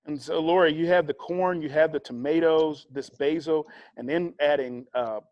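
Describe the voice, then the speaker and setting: A man leading a casual cooking demonstration, chatty and relaxed, explaining each step with fillers and friendly asides. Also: on the high side, normal speed, muffled recording, a little hiss or hum. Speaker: cooking instructor.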